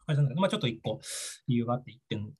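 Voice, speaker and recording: A man chatting casually as a podcast guest, telling stories in a lively, self-mocking way with frequent laughs. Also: mid-range voice, racing, breathy edge. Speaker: guest author and art teller.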